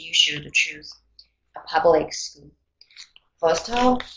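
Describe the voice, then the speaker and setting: A woman from China leading the affirmative team in a student debate, speaking formally and deliberately. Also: deep voice, fairly bright tone, slight background noise, low-quality recording. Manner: careful and deliberate, formal addresses.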